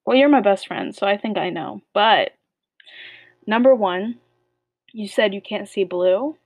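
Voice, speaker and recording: A woman's voice: medium pitch, animated, measured pace, gravelly, dry recording. A young woman co-hosting a casual podcast, playful and teasing with slangy banter. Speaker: podcast co-host. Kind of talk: casual chat game with a friend.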